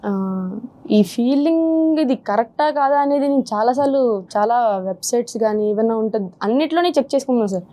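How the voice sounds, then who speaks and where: Speaking fairly quickly in a mellow, slightly high voice, a twenty-something woman opens up in a confessional interview. As a guest describing her problem, she recounts her story with earnest hesitancy.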